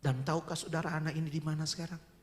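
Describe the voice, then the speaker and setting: A middle-aged male pastor preaching in a church. He tells a personal testimony with deep emotion and keeps calling out to the congregation. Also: little pitch movement, quick pace, a little hiss or hum. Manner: emotional, earnest storytelling that addresses the congregation directly. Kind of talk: sermon testimony.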